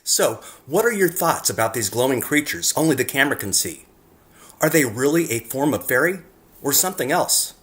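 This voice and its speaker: Showing off photographs he took, a man reads an earnest script aimed straight at the viewer. His mid-range voice is animated and a bit bright, and he keeps a moderate pace.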